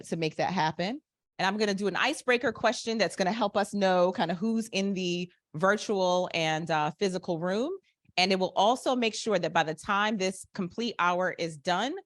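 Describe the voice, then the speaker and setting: A woman's voice: mid-range voice, no room sound, studio quality. A woman presenting a live business workshop, upbeat and engaging, asking her audience questions. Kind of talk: interactive live workshop talk. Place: conference room with live and online audience.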